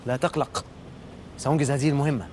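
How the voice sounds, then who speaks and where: An actor playing a naive, stiff-mannered panda creature who speaks formally and literally in a comedy film. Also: male voice, medium pitch, fast talker, a little hiss or hum, natural voice. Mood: earnest. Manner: formal, literal, calmly reassuring.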